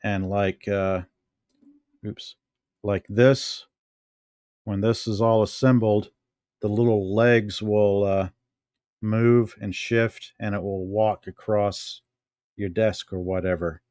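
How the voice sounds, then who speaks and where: Here a middle-aged American vlogger shows off things around his home, thinking aloud unhurriedly as he picks objects up. The low voice is fairly even and a little mellow, captured in a dry, clean studio recording.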